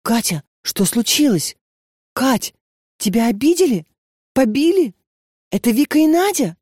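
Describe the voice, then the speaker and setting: A woman's voice: on the high side, very animated, a little slow, a little mellow, slightly rough, no echo, studio quality, pitched above the performer's own voice, exaggerated voice. A woman reading an audiobook and voicing an anxious young female roommate who fires off worried questions.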